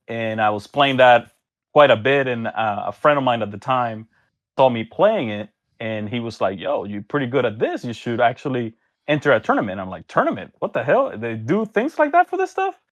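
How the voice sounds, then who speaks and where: Animated and medium-pitched at a moderate pace, this man, originally from Venezuela and later Miami, chats as a podcast guest who organizes tournaments. He tells stories in casual slang, acting out bits of dialogue, and the recording's highs are cut off.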